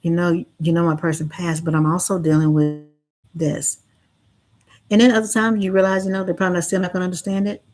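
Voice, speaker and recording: A woman with a deep-set, low voice talks straight to her listeners as a livestream host. Her manner is earnest and gentle, offering reassurance the way a counselor would. The delivery is unscripted and heartfelt. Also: level tone, brisk. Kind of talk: heartfelt livestream talk to camera.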